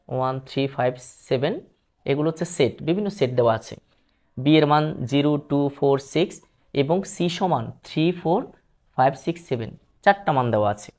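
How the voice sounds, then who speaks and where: A man's voice: fairly high pitch, darkish tone. A male math teacher with a Bangladeshi Bengali accent, patiently explaining a lesson step by step and mixing in English terms. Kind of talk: classroom math lesson on video.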